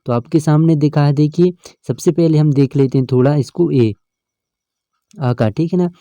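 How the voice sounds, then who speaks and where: A man's voice: fairly high pitch, moderate pace, dark tone, dry recording. A male teacher, explaining an English grammar lesson step by step and often checking in with his students. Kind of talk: exam-prep lesson.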